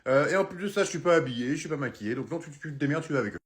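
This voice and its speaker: A man voicing a flustered, chatty middle-aged mother in a comedy sketch, shrill and rambling. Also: expressive, rapid-fire, natural voice.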